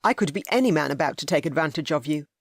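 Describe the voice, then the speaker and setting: Guarded duke, low and firm, each word measured, read by a woman narrator. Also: expressive, breathy edge, no echo, studio quality, full character voice.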